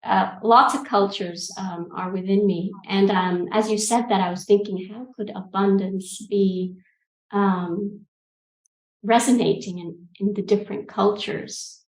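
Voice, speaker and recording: A guest coach in her forties, from Egypt and the UK, gives reflective interview answers over a video call in a medium-pitched voice. She's thoughtful and calm but hesitant, pausing often with frequent ums. She's in a room with bookshelves, using an earbud mic, and the call audio sounds roomy.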